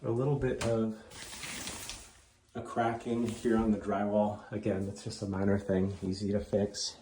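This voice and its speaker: A man casually narrating a walking tour of a house, offhand and relaxed with frequent ums. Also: on the low side, moderate pace, slight background noise. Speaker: home tour host. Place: inside a house being toured.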